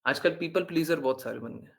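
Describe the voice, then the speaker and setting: Male spiritual teacher with a slightly high voice, giving an earnest, insistent devotional talk with English words mixed in. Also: a little fast, creaky, a bit bright. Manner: earnest, insistent, repeats phrases for emphasis; mixes English words into speech.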